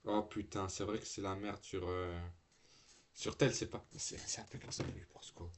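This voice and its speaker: Slangy, swearing teenage streamer. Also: male voice, lowish voice, steady tone, normal speed. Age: teens. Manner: loose, slangy and swearing, trailing restarts. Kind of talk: casual live-stream chat.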